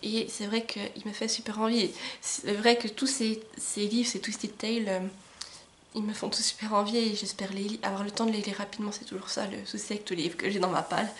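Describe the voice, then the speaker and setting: A young woman vlogging about her book gifts in a chatty, enthusiastic way, often pausing on "euh" and laughing a little, recorded at home on a camcorder microphone. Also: mid-range voice, flat delivery, a little hiss or hum. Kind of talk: casual book haul chat to camera.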